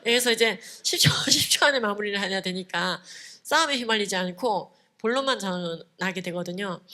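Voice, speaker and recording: A woman delivers a conference lecture to a church audience with a bright, forceful voice. She is emphatic and lively, and she drives her points home with storytelling and short affirming asides. Her pitch sits at an ordinary middle level.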